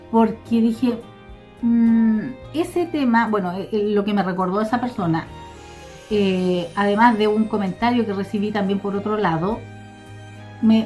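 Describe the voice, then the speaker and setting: A woman with a Chilean accent tells a personal story slowly and reflectively, with many hesitations. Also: mid-range voice, a little mellow. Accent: Chilean Spanish. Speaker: vlogger.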